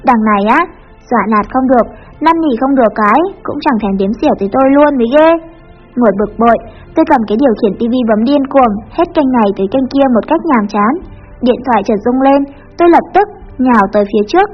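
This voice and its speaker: High-voiced, fast-talking woman narrating a story. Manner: lively, chatty storytelling. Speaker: audiobook narrator. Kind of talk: first-person story narration. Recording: muffled with soft background music.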